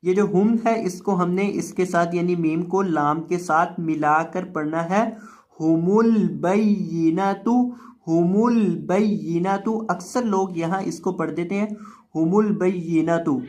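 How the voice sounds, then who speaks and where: A Quran reading teacher gives a Qaida lesson, spelling out syllables slowly and drawn out before explaining the rules more quickly. The teacher has a mid-range voice.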